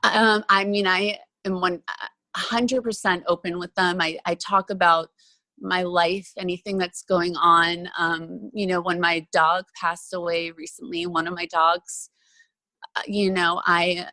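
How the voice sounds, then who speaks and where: A woman speaks as a podcast guest in an easy, open, chatty way, often stopping for fillers. Her voice sits on the low side for a woman. The recording is dry and close, with no room sound. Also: little pitch movement, a little slow, bright, forceful tone, dry recording. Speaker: podcast guest, actress and former TV reporter. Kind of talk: casual interview conversation.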